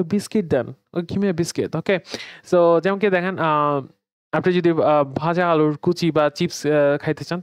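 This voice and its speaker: Bangladeshi male English teacher, chatty lesson delivery, clear tone, dry recording. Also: high voice, a little mellow, dry recording. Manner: conversational, mixing English words into explanations. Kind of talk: online grammar lesson.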